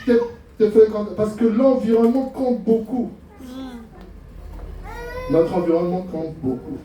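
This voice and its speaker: A middle-aged Frenchman with a high-sitting voice preaches a sermon as a pastor, speaking a little slowly with humor and plenty of rhetorical questions. He's in a church hall, heard from far off in a very echoey space, and the audio is dull with slight background noise.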